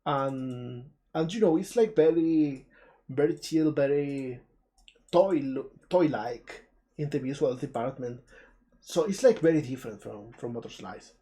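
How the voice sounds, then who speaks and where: A native Spanish speaker with an Andalusian accent from southern Spain hosts a live stream, giving casual, chatty commentary on game trailers while music plays behind. The voice is medium-pitched with a dark tone, expressive and at a measured pace.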